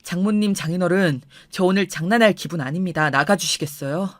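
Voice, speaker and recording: A woman voicing a furious young husband who speaks in a low, firm, clipped way. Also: animated, a little fast, fairly bright tone, no room sound. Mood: angry.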